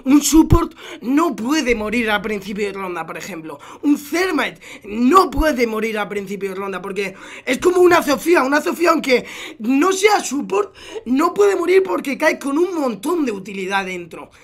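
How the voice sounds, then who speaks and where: A man with a Spain Spanish accent doing live gameplay commentary as a gaming streamer. He is excitable, swears often and shouts quick callouts in English. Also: very high-pitched.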